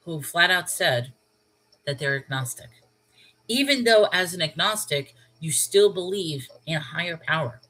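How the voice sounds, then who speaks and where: A woman from New York tells a personal story to her livestream viewers, her voice sitting on the low side. She talks casually and keeps checking in with "okay?" and "all right?" She also wonders aloud with rhetorical questions. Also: pushed and bright, low-quality recording. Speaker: channel host.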